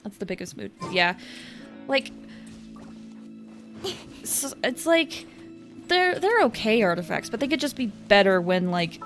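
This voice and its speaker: Over video game music, a woman streaming her gameplay thinks aloud in casual, rambling commentary. Her mid-range voice is expressive and measured, broken by long pauses.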